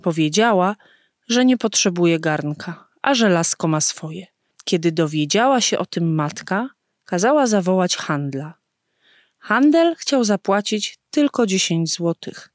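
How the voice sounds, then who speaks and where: Slow, expressive woman reading a story. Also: lowish voice, no echo, studio quality. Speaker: narrator.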